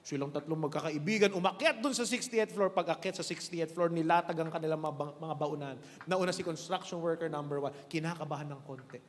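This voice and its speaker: Preacher type, high voice, playful animated storyteller, echoey hall. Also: male voice, a little fast, hardly any pauses, slight background noise. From Philippines. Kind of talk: storytelling sermon. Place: cinema hall.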